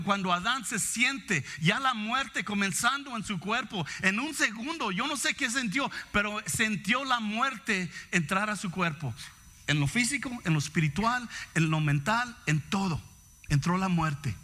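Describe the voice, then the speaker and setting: A man's voice: high voice, pushed and bright. A man preaching a sermon, reading scripture and reflecting on it, often asking the congregation questions.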